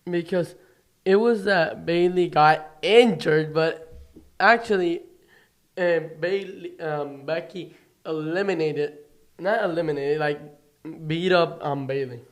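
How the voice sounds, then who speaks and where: High-voiced young man chatting wrestling. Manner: halting, restarts often, earnest. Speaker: podcast co-host. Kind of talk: casual wrestling chat.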